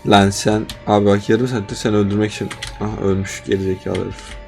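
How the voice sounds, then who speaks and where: A man with a Turkish accent giving excitable live commentary while playing a survival game, swinging between panicked yelps and exasperated complaints. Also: lowish voice, brisk, creaky, soft background music. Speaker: gaming YouTuber.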